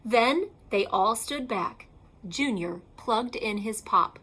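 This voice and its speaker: Woman storyteller for a picture book: slow, deliberate pacing, high register, emphatic delivery. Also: animated, bright, forceful tone, husky. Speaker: elementary school teacher reading aloud. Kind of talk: expressive children's picture book read-aloud.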